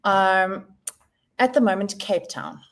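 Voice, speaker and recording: A woman's voice: medium pitch, takes it slowly, a bit bright. A middle-aged woman from Southern Africa co-hosting a casual live webinar, answering in short, dry replies. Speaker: co-host.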